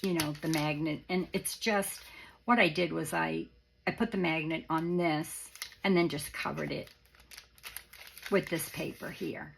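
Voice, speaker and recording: A woman giving a casual, halting show-and-tell as a craft presenter, with a raspy, worn voice that is starting to go. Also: deep voice, a little hiss or hum. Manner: halting, rambling, informal. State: voice starting to go after illness.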